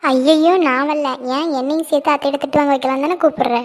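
Lightly acted and quick, a woman's high, steady voice brings to life a cheerful young cartoon character, the heroine's best friend. The friend teases, plays around and pokes her nose into things.

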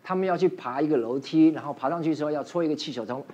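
A man's voice: fairly high pitch, rapid-fire, muffled recording. A man, a talk show guest telling stories about being a father in casual studio chat. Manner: chatty, animated storytelling.

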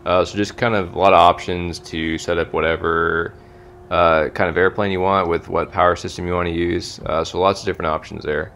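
A man giving a casual voice-over for his hobby video, relaxed and full of uhs. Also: deep voice, fairly quick, slight background noise. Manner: relaxed, many filler uhs. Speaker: RC hobby channel host.

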